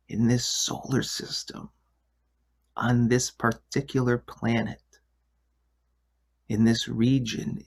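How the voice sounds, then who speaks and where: A man leads a guided relaxation in a soft, hushed voice, close to a whisper at times. His delivery is soothing and very unhurried. The voice sits on the low side with a lot of fry in it. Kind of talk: guided meditation.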